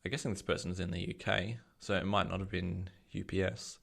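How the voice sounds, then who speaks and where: A man with a deep voice full of gravelly fry co-hosts a podcast. He talks in a relaxed, casual way as he reads out and discusses forum posts. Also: fairly quick. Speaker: podcast co-host. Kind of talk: casual chat.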